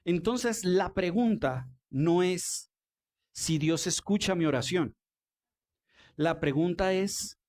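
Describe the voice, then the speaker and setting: A Colombian man preaches in church in a relaxed, talky way. His voice sits a little high for a man. He keeps turning questions back to the congregation. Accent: Colombian Spanish. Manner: conversational, asks the congregation questions. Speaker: pastor. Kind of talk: sermon.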